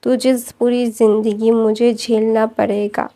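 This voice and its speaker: Woman doing a young man, possessive and bossy, fairly high voice, mellow tone. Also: little pitch movement, unhurried. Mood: insistent.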